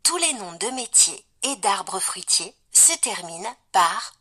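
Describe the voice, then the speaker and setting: A woman giving a scripted spelling lesson to children in a calm, explaining way. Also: medium pitch, takes it slowly. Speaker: teacher voice of a learning app.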